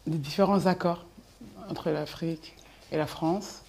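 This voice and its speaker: A woman with a very low, gravelly voice and a mellow tone, giving interview answers. She speaks in short, firm statements. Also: fairly even intonation, measured pace. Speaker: guest.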